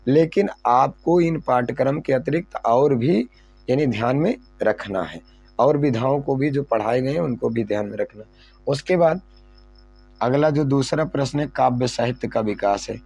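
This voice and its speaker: A man's voice: mid-range voice, normal speed, vocal fry, a little mellow, breathy edge, soft background music. Man teaching, asking and answering himself. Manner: repetitive, asks and answers own questions. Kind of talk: exam syllabus lesson.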